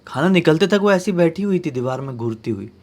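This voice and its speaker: A man telling a horror story in a casual, dramatic way, swinging between loud bursts and hushed tones. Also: on the high side, lively intonation, brisk.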